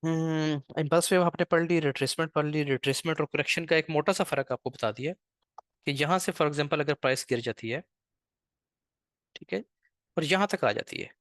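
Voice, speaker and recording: A man teaching a live online trading class, patient and slow on purpose, often checking in with "ठीक है". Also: fairly high pitch, fairly bright tone, no room sound, studio quality. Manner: speaks slowly on purpose.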